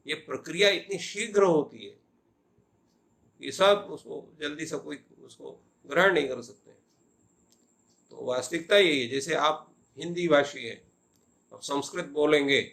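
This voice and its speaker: A man's voice: a little high, bright, forceful tone. An older male professor lecturing on Sanskrit grammar, posing questions and answering them himself. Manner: explanatory, asks and answers his own questions.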